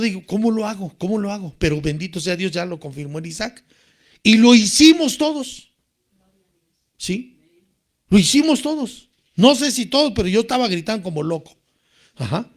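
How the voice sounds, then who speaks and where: High-voiced preacher, animated. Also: male voice. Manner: animated, rises to shouting when quoting cries. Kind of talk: sermon.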